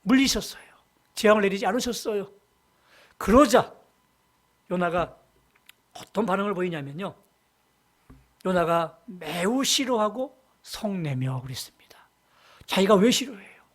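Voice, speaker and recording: A senior pastor preaching a Sunday sermon in a church, retelling a Bible story and swinging between loud emphasis and hushed asides. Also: mid-range voice, expressive, a little slow, pauses often. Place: church sanctuary.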